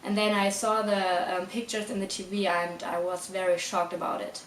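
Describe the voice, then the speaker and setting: A woman's voice: medium pitch, flat delivery, normal speed, a little hiss or hum. A woman in her twenties with a German accent, telling a childhood memory in simple, slightly broken English. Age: 20s. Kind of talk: personal recollection. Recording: echoey room.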